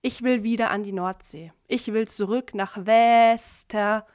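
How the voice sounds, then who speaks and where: A woman's voice: fairly high pitch, fairly even intonation, unhurried, a little mellow, no echo, clean studio sound, lightly acted. A woman reading aloud, voicing a drunk, queasy young woman who answers in curt mumbles. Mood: drunk, sullen.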